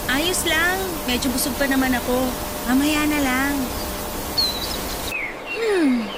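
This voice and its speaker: An actress plays a friendly young volunteer at a charity event in radio-drama style: lively, encouraging, chatty, gently teasing, and quick to laugh. She speaks slowly in a high-pitched voice, and loud background music makes the clip very noisy.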